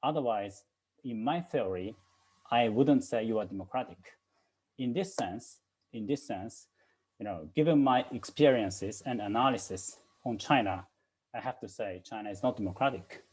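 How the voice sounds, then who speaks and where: A man gives a lecture in English, his voice dark and a little husky. He keeps returning to "you know" while stressing his main points. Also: on the low side, moderate pace, rough recording. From Japan. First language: Japanese. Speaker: guest speaker, China scholar. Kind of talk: lecture-style talk.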